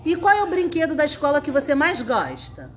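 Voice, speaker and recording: A woman's voice: high voice, huge pitch swings, a little fast, slight background noise. A woman, a preschool teacher coaxing small children in a school podcast interview. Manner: sing-song, coaxing, talks to small children.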